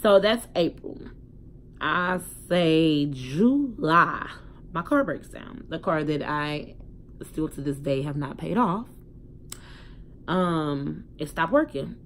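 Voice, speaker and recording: Low-voiced woman vlogging frankly to her phone. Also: a little hiss or hum. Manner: candid, emphatic, swears freely, swings between loud outbursts and quiet reflection. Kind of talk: casual personal storytelling to a phone camera.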